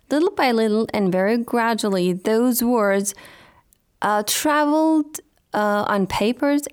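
A woman's voice: mid-range voice, a little mellow, clean tone. A woman presenting a scripted radio talk programme as host, speaking in a formal, earnest and courteous manner.

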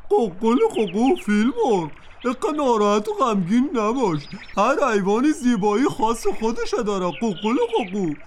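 A woman's voice: fairly high pitch, few pauses, a little hiss or hum. A woman voicing a proud, kindly male farm rooster who crows between lines. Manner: crowing, lively, advising.

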